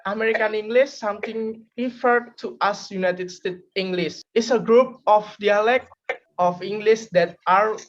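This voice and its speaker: A young woman giving a class presentation, pausing and correcting herself often. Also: mid-range voice, dull audio. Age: young adult. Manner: hesitant, self-correcting. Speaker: student presenter.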